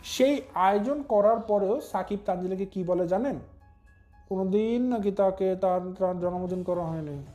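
Young male vlog commentator, high voice, mocking, stretches his stressed words, faint music bed. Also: mellow. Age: young adult. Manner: drawn-out emphatic stresses, mocking. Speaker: commentary channel host. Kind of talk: casual commentary vlog addressing viewers.

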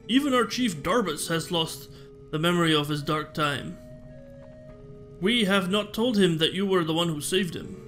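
A man reading aloud the lines of a calm, wise old male rock creature elder from a video game. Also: sits high.

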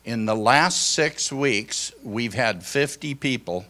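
An older man giving an informal sermon to a small congregation, speaking slowly and conversationally into a handheld microphone in a church hall. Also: mid-range voice, expressive, bright, forceful tone. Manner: slow, conversational, reflective. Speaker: pastor.

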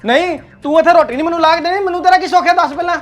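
A man's voice: very high voice, rapid-fire, faint music behind. An actor playing a hot-tempered young husband who barks bossy commands at his wife. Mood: angry, bossy. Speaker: actor in a family skit.

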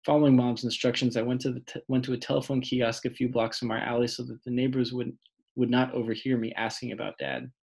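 A man narrating an audiobook in a measured, plain reading. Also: medium pitch, little pitch movement, creaky, a little mellow, husky.

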